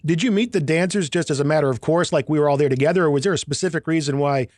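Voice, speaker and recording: A man's voice: on the high side, racing, darkish tone, no room sound, studio quality. A man hosting an interview, asking long, rambling questions with light jokes. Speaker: interview host. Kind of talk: casual interview.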